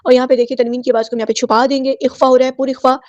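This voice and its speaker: A woman teaching tajweed, chanting verses slowly and explaining each rule patiently, step by step. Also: high-pitched, flat delivery, a little mellow, no room sound, highs cut off. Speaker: Quran recitation teacher. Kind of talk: tajweed lesson with slow recitation.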